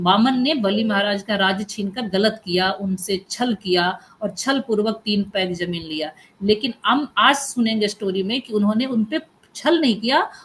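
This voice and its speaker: A woman's voice: a little high, fairly bright tone, a little hiss or hum. Give me a woman teaching a devotional story lesson, explaining it directly to her listeners.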